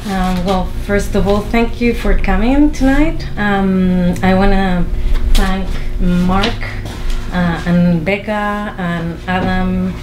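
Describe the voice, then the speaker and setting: A woman from Chile, a filmmaker, giving a halting introduction to her lecture performance with many fillers and restarts. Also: medium pitch, steady tone. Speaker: filmmaker and guest artist. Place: small film venue. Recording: echoey room with noise.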